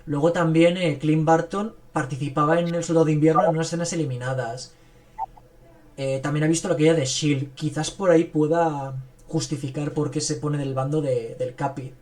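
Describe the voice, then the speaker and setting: A slightly high, slightly mellow male voice with fairly even intonation and normal speed belongs to a podcast host. He gives a casual, enthusiastic film review chat that rambles and is thick with fillers.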